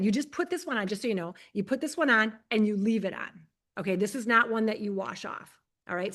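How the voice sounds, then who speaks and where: A woman's voice: fairly high pitch, a bit bright. A woman in her fifties, a skincare consultant giving a live product demonstration and coaching viewers directly in an earnest way. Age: 50s.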